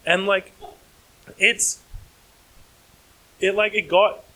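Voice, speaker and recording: Young comic writer, tense bright tone, lots of likes and ums. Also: male voice, high-pitched, fairly even intonation, poor audio. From Australia. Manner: fast, run-on, heavy fillers. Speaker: comedy writer on panel. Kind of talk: panel discussion. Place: conference stage.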